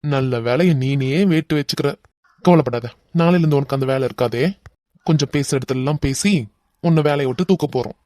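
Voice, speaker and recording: A man's voice: mid-range voice, brisk, a little mellow, close to an everyday voice. A man voicing a hot-tempered young man who mocks and threatens a crook, with a Kanyakumari Tamil accent, in a cartoon. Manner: threatening, mocking.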